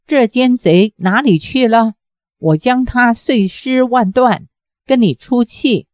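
A woman's voice: mid-range voice, lively intonation, slow, a little mellow, no room sound, studio quality. A woman voicing an old male monk, a former fighter, who mutters in confusion over revenge. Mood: troubled. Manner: muttering, troubled.

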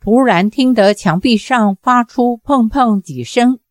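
A woman narrating a novel as an audiobook in a measured storytelling manner. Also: fairly high pitch, dry recording, clean studio sound.

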